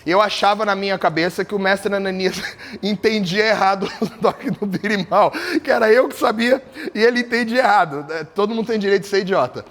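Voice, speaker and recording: A man's voice: high voice, a little fast, a bit bright. A man leading a capoeira workshop, asking the group questions and joking as he explains tuning. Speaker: capoeira teacher. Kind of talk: workshop teaching. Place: group class with berimbaus.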